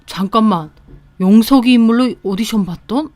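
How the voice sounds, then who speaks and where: A woman's voice: fairly high pitch, normal speed, a little mellow, natural voice. A woman voicing an angry middle-aged male film producer who speaks sternly and scornfully.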